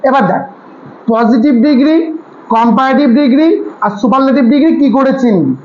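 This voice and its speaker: A man's voice: very high voice, fairly quick, a little mellow. A man tutoring a class on grammar, asking his students questions and answering them himself. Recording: echoey room, slightly dull sound.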